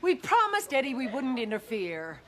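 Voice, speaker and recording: A woman's voice: sits high, huge pitch swings, normal speed, fairly bright tone, slight background noise, exaggerated voice. An actress playing a sweet, level-headed vampire mother in a sitcom, talking in a soothing motherly way. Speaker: sitcom character. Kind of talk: sitcom acting. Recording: sitcom audio with laugh track. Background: studio audience laughter.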